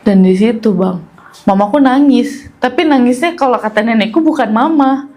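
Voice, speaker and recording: A woman's voice: on the high side, normal speed, dark tone, faint music behind, poor audio. A woman casually telling a personal ghost story to a podcast host, chatty, often turning to address him. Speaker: guest storyteller.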